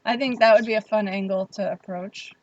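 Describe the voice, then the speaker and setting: A woman's voice: mid-range voice, steady tone, brisk, a little mellow, dry recording, muffled recording. A young woman hosting a casual livestream, chatting freely and reading viewer comments aloud. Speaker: livestream host.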